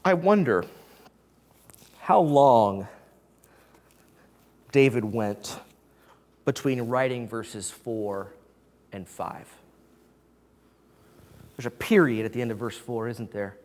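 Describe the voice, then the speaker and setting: A preacher giving a sermon in a church, animated and full of rhetorical questions put to the congregation. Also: mid-range voice, slow pace, long pauses, in a large hall. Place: church sanctuary.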